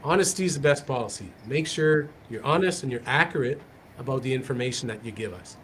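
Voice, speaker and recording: A man's voice: medium pitch, fast talker, a bit bright, slight background noise. A man hosting a recruiting Q&A as a police recruiter, talking in a direct, upbeat, conversational way. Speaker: police recruiter, session host. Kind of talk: live Q&A session talk.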